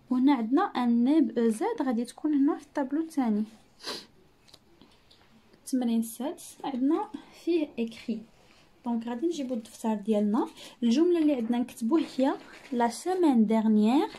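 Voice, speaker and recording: A woman teacher with a Moroccan Arabic accent, explaining exercises patiently, repeating words and sounding out French syllables slowly. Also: a little high, dark tone, slightly rough. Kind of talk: classroom-style lesson narration.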